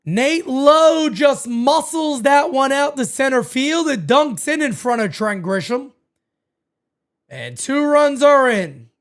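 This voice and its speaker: Calling the game play-by-play at a live fan watch party, this male host chats with his viewers in an extremely high-pitched voice at a slow pace. He's losing his voice, turns excitable, shouts whenever a big play happens and swears without holding back.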